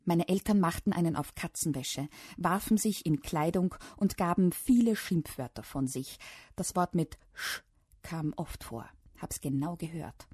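Husky woman reading a children's book. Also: fairly low pitch, a little slow, no room sound. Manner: lively, playful storytelling. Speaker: audiobook reader. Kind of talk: children's audiobook narration.

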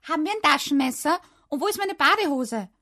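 Woman doing a loud, stubborn little boy. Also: sits high, lively intonation, a little fast, pitched above the performer's own voice. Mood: insistent. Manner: shouting, whiny insistence.

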